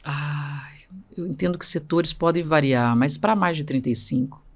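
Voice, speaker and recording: A middle-aged woman, a guest in a conversational interview, speaks in a low voice at a moderate pace. She is emphatic and assertive, repeating points to stress them.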